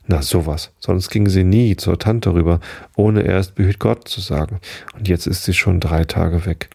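A man's voice: low voice, normal speed, gravelly, darkish tone, slightly rough, heavily acted. A man voicing an earnest, plaintive little girl of about five in a read-aloud story.

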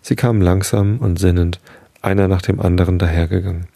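Deep, gravelly-voiced man reading a story. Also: fairly even intonation, dark tone, no echo. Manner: slow, unhurried reading with occasional self-corrections. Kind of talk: reading a children's classic aloud.

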